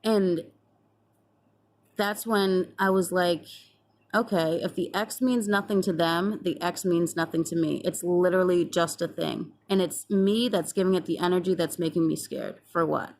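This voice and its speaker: A woman's voice: lowish voice, steady tone, moderate pace, darkish tone. Chatty young woman telling a story. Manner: chatty, acts out past conversations, swears freely. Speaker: vlogger. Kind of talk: casual storytelling to camera.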